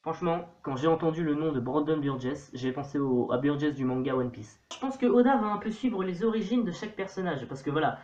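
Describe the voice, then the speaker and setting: A man's voice: a little high, expressive, brisk, hardly any pauses, a little mellow, muffled recording. Chatty young man in an echoey room. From Portuguese-Brazilian family background. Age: young adult. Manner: chatty, playful self-mocking irony. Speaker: youtuber. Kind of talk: casual vlog to camera.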